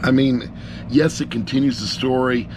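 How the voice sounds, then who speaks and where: A man's voice: medium pitch, fairly even intonation, normal speed, background noise. A middle-aged man gives a casual, unscripted review in a rambling, blunt, self-deprecating way, picked up by an action camera sitting on a laptop. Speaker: amateur audiobook reviewer.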